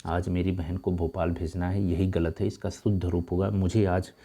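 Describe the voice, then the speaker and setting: A Hindi exam tutor with a very dark, mellow, somewhat low voice and a level tone goes through an exam paper, addressing viewers as dear friends. He reads each option slowly, then moves on briskly to explain the correct answer.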